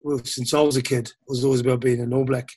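A man's voice: medium pitch, little pitch movement, fast, darkish tone, slightly rough, no echo. A man in his fifties from New Zealand, a former rugby player telling his career story in a rambling interview, full of fillers and restarts.

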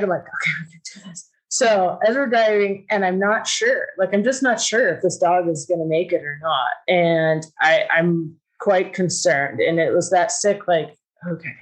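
A middle-aged woman tells a personal story in a casual, chatty way, packing her speech with "like" and "you know" and acting out quoted dialogue in a raised voice. Her voice is on the low side, a little slow with hardly any pauses, on a low-quality recording.

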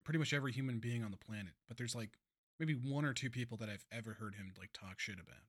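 Male co-host, average pitch, casual and slangy, emphatic delivery. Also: fast, a bit bright, breathy edge. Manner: slangy, emphatic dude-talk. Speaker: podcast co-host. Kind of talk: casual chat.

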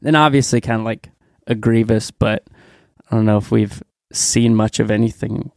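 A man's voice: lowish voice, fairly even intonation, normal speed, creaky, no room sound, clean studio sound. A man co-hosting a casual podcast chat, enthusiastic and rambling with many restarts. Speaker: podcast co-host.

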